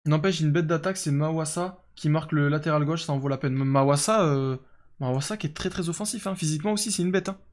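A man's voice: on the high side, fast talker. A young man streaming a football management game, chatting casually and answering his viewers as he plays. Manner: chatty, reads and answers chat, lots of fillers. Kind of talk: casual live game commentary.

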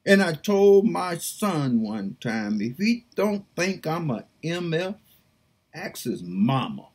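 A preacher offers an impassioned prayer and reads scripture, her tone fervent and pleading as she draws each word out very slowly. Her husky, breathy voice is a little mellow and sing-song, swooping from low murmurs up to high cries.

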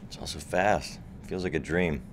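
A man playing a young TV actor, worried and torn, who talks in a halting, pleading way. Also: low-pitched, noisy background, close to an everyday voice.

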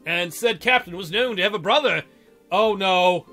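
Music plays beneath a man's voice as he reads a visual novel aloud in a let's-play, joking theatrically, giggling often, and tossing in playful commentary. His voice sits high, bright and forceful, at a moderate pace.

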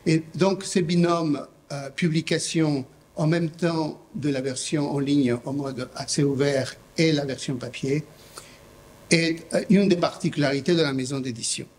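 A middle-aged Mexican man presents his publishing house at a conference in a large hall, speaking unscripted into a desk microphone with many fillers and restarts. His voice sits on the high side with fairly even intonation and a measured pace, over slight background noise.

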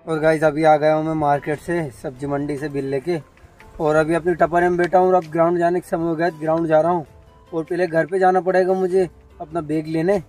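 A man's voice: fairly high pitch, warm tone. A young man narrating his daily life in a casual vlog, talking into a phone held at arm's length outdoors. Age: young adult. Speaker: vlogger. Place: outdoors, on farm fields and streets.

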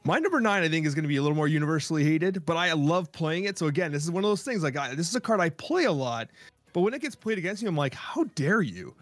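A man co-hosting a casual gaming podcast, venting in an expressive, exaggerated way. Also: a little high, very fast, dry recording. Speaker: podcast co-host.

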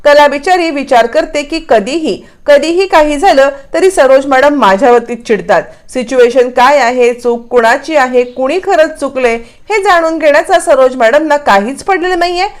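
A woman's voice: sits high, close to an everyday voice. A woman voicing a young wife who is defiant and aggrieved, in a spoken retelling of a TV serial.

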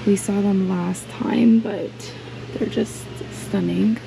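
A reseller vlogger narrates a casual shopping vlog as she browses an antique mall, chatty and admiring with frequent ums, filmed on a handheld camera. Her medium-pitched, gravelly voice stays steady and slow, and a fan hums in the background.

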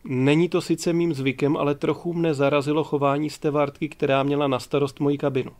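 A man's voice: a little high, level tone, a little mellow, lightly acted. A man reading as a touchy, proud passenger. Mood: indignant. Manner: offended, indignant.

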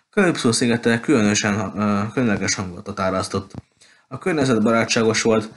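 A man reading a novel aloud at a steady pace, with occasional slips and restarts. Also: on the low side. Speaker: audiobook reader.

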